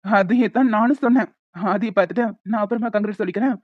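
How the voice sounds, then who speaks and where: A woman voicing a calm female doctor in a cartoon story, giving steady advice. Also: medium pitch, rapid-fire, no room sound, lightly acted. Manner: calm, advising. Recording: dull lo-fi audio with faint music.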